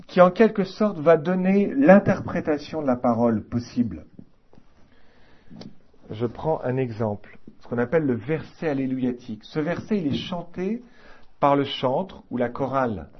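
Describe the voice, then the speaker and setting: A man teaching a class on liturgy in an informal, halting way, with many fillers and restarts. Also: mid-range voice, lo-fi sound.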